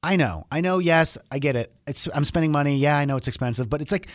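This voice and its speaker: Woman co-host, mid pitch, playful and teasing, close dry sound. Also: quick pace, no echo. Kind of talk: casual chat.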